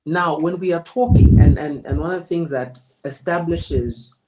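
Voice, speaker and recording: Measured man coaching a speaker. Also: a little high, warm tone, rough recording. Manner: measured, emphatic, deliberate. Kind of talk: spoken feedback to a presenter.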